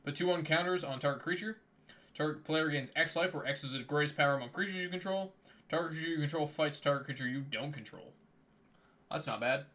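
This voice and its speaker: A man's voice: fairly high pitch, fairly quick, sharp tone. A man streaming live, chatting casually and reading card text aloud, while his voice is starting to give out. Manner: reads card text aloud in a plain running commentary. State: losing his voice.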